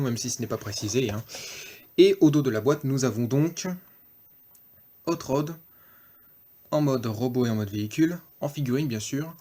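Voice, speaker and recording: A man's voice: mid-range voice, dark tone. A man giving a casual off-camera toy review, hesitant, with many fillers and self-corrections.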